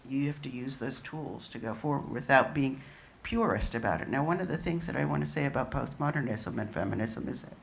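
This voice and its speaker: A woman speaking as a panelist at a museum discussion, emphatic with drawn-out phrasing. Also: extremely low pitch, creaky, slight background noise. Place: museum event room.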